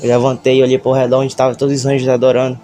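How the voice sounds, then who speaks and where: A man with a Brazilian Portuguese accent giving a church testimony, nervous, halting and stammering as he retells it with feeling. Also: mid-range voice, monotone, dark tone, faint music behind.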